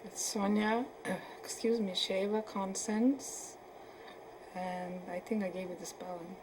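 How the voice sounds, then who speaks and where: A woman in her seventies from Poland, answering questions in an oral history interview and often pausing to search for words. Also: mid-range voice, steady tone, noisy background. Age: 70s. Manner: hesitant, searching for words with many fillers.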